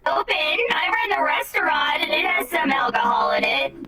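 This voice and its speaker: A woman's voice: high voice, wildly swooping pitch, normal speed. A woman roleplaying a restaurant owner, playful and teasing. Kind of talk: casual in-character roleplay chat. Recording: roomy, distant, music over it.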